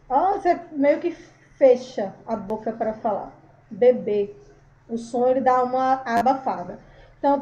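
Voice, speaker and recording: A woman's voice: sits high, mellow. Patient woman teacher on dull recording. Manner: patient, explanatory, addresses students affectionately. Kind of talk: recorded grammar lesson.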